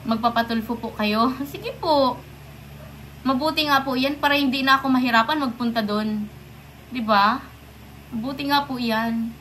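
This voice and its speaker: A young woman from the Philippines speaks straight to her viewers in a bright, forceful voice, pitched a little high. She stays polite but defiant, firing off pointed rhetorical questions. A faint hiss runs under her voice. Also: steady tone, normal speed. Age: young adult. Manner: indignant, confrontational, many rhetorical questions. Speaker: vlogger. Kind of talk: direct-to-camera rant.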